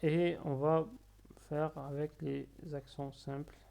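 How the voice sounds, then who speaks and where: A man teaching Arabic letters step by step, patiently drilling syllables slowly and repeating them. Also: a little high, flat delivery, creaky, mellow. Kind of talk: slow step-by-step lesson.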